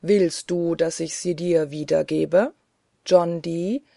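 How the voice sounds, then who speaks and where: A reader voicing a commanding angel spirit in a gothic audiobook, with a slow, solemn, prophetic delivery. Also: medium pitch, steady tone, creaky, warm tone, no room sound, clean studio sound.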